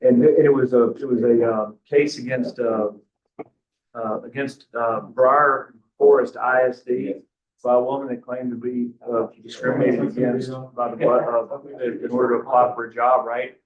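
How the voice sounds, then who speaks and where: Male lawyer, halting storyteller, distant dull roomy recording. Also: mid-range voice, flat delivery. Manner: rambling, halting with fillers. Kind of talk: casual storytelling.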